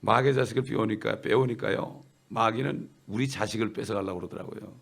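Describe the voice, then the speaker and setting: Guy preaching in church, kinda gravelly, keeps asking the crowd stuff then answering it himself. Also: fairly low pitch, a little fast. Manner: asks the congregation questions and answers them himself; repeats key phrases for emphasis. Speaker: pastor. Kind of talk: sermon.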